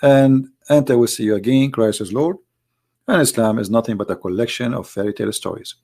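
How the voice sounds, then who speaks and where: With a warm, mid-range voice and a fairly quick pace, a man hosts a religious video. His monologue is argumentative and phrased in non-native English, delivered emphatically with repetition and rhetorical questions.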